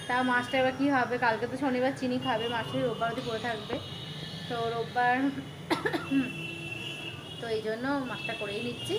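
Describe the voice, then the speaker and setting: Woman, home vlogger, slightly high voice, chatty, noisy room with traffic outside. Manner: chatty, addresses viewers directly. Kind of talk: casual chat to viewers. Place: home kitchen.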